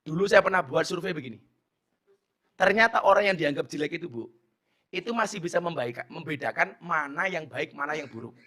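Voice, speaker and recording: A middle-aged man with a Javanese accent preaching a lively sermon, joking and teasing, swinging from soft talk to shouts. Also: a little high, fairly quick. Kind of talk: lively sermon with audience banter.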